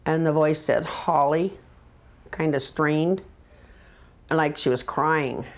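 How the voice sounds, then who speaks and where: Earnest low-voiced mother in an interview. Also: fairly even intonation, takes it slowly. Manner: earnest, emotional. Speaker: mother of a missing woman.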